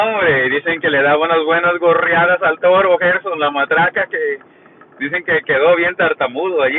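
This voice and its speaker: Crude, joking Mexican man vlogging. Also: fairly high pitch. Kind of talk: casual gossip monologue. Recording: tinny phone-like sound with faint noise.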